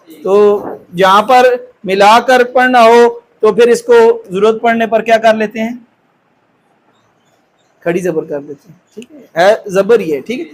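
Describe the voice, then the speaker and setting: A man teaching Quran recitation step by step, patiently checking in with his students and stretching out each syllable slowly as he demonstrates it. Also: high voice.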